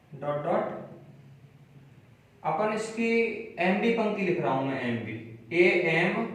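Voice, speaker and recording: A man giving a maths lesson, repeating key phrases slowly as he writes on a board. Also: sits high. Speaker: maths teacher. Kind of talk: classroom lecture. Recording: very echoey room, mic far off.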